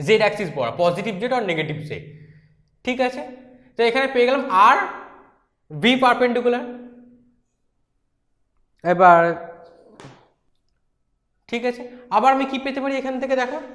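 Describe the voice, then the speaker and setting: A woman's voice: fairly high pitch, fairly bright tone. A woman teaching physics who works through derivations step by step, asking questions aloud and checking with her students. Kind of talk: whiteboard lecture. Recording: echoey room.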